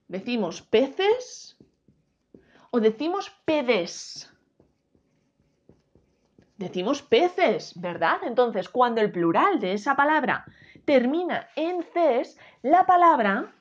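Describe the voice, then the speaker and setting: Lively-voiced Spanish teacher from Spain. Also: female voice, sits high. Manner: slow, emphatic, asks rhetorical questions. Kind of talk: spelling lesson. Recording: dull lo-fi sound.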